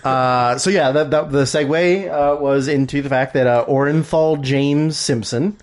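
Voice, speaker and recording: A man's voice: medium pitch, steady tone, a little slow. A man co-hosting a casual podcast, rambling with lots of fillers and restarts while he looks things up. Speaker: podcast co-host.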